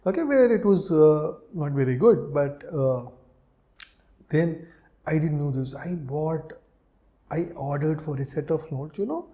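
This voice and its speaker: A man with an Indian accent lectures as an exam coach, explaining material while emphatically repeating key phrases and checking in often. His voice is on the high side, animated and warm, and he takes his time.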